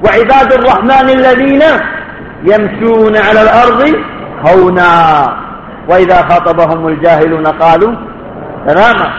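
A man's voice: high voice, fairly even intonation, normal speed, background noise. A man teaching a religious lecture to students, emphatic and fond of rhetorical questions, sometimes calling on listeners to answer. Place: lecture hall at a study course. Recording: echoey, dull lo-fi hall recording.

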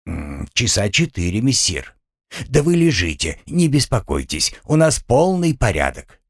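A man's voice: on the low side, wildly swooping pitch, a little slow, no echo, studio quality, heavily acted. A man voicing a timid, simple-minded male orderly who speaks deferentially and a little slyly. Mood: meek deferential. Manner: meek, servile, slightly sly.

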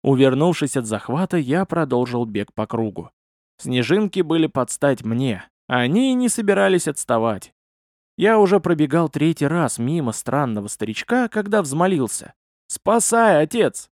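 A man narrating a first-person audiobook in an expressive, storytelling manner. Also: a little high, normal speed, no echo, studio quality.

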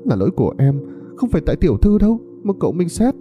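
A man's voice: a little high, very animated, quick pace, warm tone, faint music behind, voice pushed up. A man voicing a loyal young maid who cries out and pleads. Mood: pleading. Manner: crying out, pleading.

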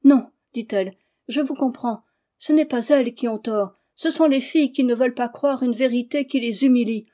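A woman's voice: a little high, moderate pace, dark tone, natural voice. A woman voicing a naive sixteen-year-old peasant girl in a storybook reading, eager and earnest. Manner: eager, wide-eyed and earnest.

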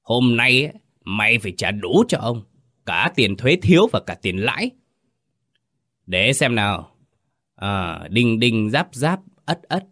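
A man voicing a cruel, greedy old village chief who sneers and shouts threats. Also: medium pitch, very animated, takes it slowly, heavily acted. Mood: scornful.

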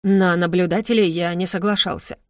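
A woman's voice: fairly low pitch, fairly even intonation, a little fast, dry recording, studio quality, natural voice. A woman voicing a reserved military major who speaks coldly and curtly. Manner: cold, curt.

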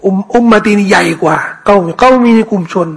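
High-voiced man teaching a relaxed religious lesson. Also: gravelly, slightly rough, rough recording. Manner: casual, repeats words, recites Arabic slowly. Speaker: Islamic teacher. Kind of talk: Quran commentary lesson with audience questions.

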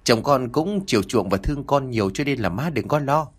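A man voicing a gentle, dutiful young wife who talks with forced cheer in an audiobook. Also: mid-range voice, lively intonation, a little fast, breathy edge. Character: young wife hiding her unhappiness.

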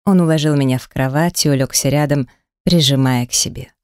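A woman's voice: extremely low pitch, fairly quick, darkish tone, smooth, dry recording, studio quality. Intimate woman reading an audiobook. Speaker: audiobook narrator. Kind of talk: first-person romance audiobook narration.

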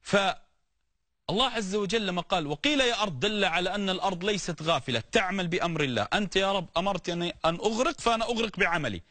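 Male preacher, lively high voice, bright tone, dry close sound. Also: fast talker, no room sound. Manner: animated, explains word meanings with everyday examples and repeated calls to listen. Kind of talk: sermon on stories of the prophets.

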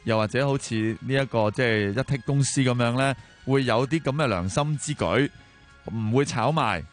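A man's voice: mid-range voice, moderate pace. A man with a Hong Kong Cantonese accent hosts a talk show, commenting and telling stories in a colloquial, conversational way with rhetorical questions. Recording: music behind the voice. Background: background music.

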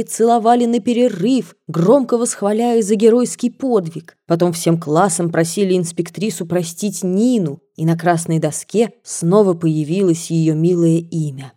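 A woman narrating a story as an audiobook reader, measured and softly expressive. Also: mid-range voice.

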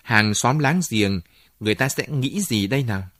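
A man's voice: medium pitch, normal speed, fairly bright tone, no echo, studio quality, close to an everyday voice. A man voicing an anxious middle-aged mother who fusses and scolds about appearances. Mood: fretful.

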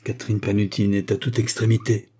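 A man's voice: fairly low pitch, flat delivery, a little fast, mellow, breathy edge. A man voicing a kindly, earnest young Orthodox priest.

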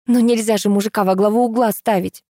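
A woman voicing a sharp-tongued, sarcastic young woman in an audiobook. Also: mid-range voice, fairly even intonation, quick pace, dry recording, clean studio sound, pitched above the performer's own voice, lightly acted. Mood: needling. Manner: needling, sarcastic.

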